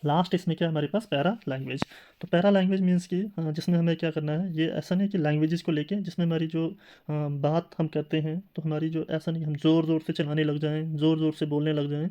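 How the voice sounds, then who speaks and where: A man's voice: a little high, little pitch movement, fast talker, mellow, dull audio. Man lecturing with rhetorical questions. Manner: explains with rhetorical questions and fillers. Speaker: teacher. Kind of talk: classroom lecture.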